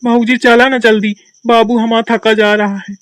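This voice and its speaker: A woman's voice: on the high side, level tone, normal speed, natural voice. A woman voicing a stubborn, dim village husband in a cartoon, with a blunt manner. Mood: arguing.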